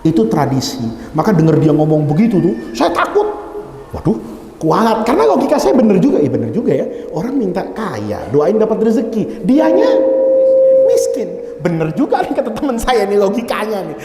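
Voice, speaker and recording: A man's voice: sits high, wildly swooping pitch, a little fast, dark tone. A man preaching a humorous sermon in a mosque, teasing the congregation by name as he teaches a classical text. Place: mosque hall. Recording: echoey mosque hall with long reverb.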